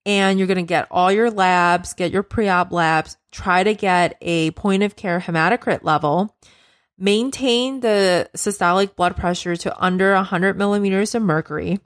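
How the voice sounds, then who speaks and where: A woman's voice: medium pitch, normal speed, no echo, clean studio sound. A woman hosting a nursing podcast, explaining steps in a plain, matter-of-fact teaching voice. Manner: instructive, matter-of-fact, direct second-person guidance. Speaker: podcast host, nurse educator. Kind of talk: podcast lecture.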